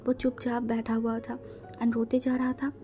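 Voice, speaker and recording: A fairly high-voiced woman tells a fan fiction story and throws herself into the quarrels between the characters. Her tone is mellow and soft-edged, with faint music playing behind her. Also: monotone, moderate pace. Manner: emotional, voices quarrels loudly. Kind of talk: fan fiction narration with acted dialogue.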